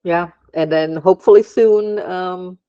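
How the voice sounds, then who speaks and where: A woman's voice: lowish voice, fairly even intonation, measured pace, dark tone, clean tone, no echo, dull audio. A woman from Germany, an aromatherapist talking as a podcast guest, hesitant with many ums and frequent laughs. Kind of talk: casual interview chat.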